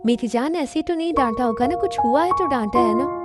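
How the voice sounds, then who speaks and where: A woman's voice: sits high, lively intonation, brisk, loud music behind the voice. A woman voicing a doting middle-aged father who soothes and coaxes in a fan-made dub drama. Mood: soothing. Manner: soothing, coaxing.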